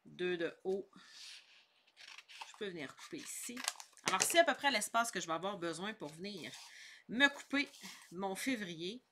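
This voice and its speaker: A woman's voice: mid-range voice, animated, normal speed, pauses often, a bit bright, slight background noise. A middle-aged woman with a Québécois French accent, giving a chatty, upbeat scrapbooking tutorial and explaining each step. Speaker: scrapbooking instructor. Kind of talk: casual craft tutorial.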